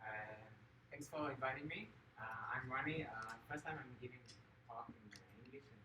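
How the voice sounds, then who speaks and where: A man's voice: medium pitch, normal speed. Man from Israel giving a hesitant tech talk. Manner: hesitant, many filler sounds. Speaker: guest speaker. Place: meetup room. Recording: echoey room, distant mic, noisy.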